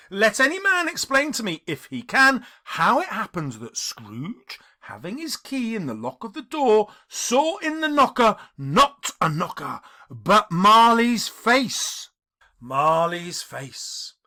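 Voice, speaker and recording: In a high, pushed, bright voice, a man who teaches English reads a classic story as an audiobook. His scripted narration is dramatic, with emphatic, theatrical phrasing and pointed stresses.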